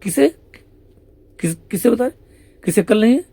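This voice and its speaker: A man's voice: a little high, normal speed, vocal fry, darkish tone, dry recording. A man voicing a mischievous young female devotee who answers coyly and feigns innocence. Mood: feigned innocence.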